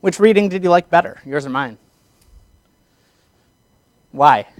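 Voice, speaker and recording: A man's voice: on the high side, lively intonation, measured pace, dry recording. A man teaching a public speaking class, energetically lecturing and asking his students questions.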